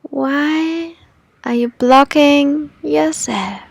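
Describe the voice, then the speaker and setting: A woman leading a guided meditation in an airy, breathy, soothing manner, like a spiritual healer. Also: high voice, very slow, no room sound.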